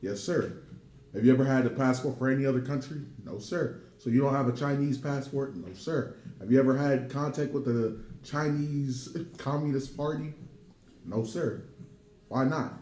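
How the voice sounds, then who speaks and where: A man's voice: mid-range voice, normal speed, warm tone. A man in casual, crude banter with friends, putting on a mock interrogation. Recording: echoey room, faint noise.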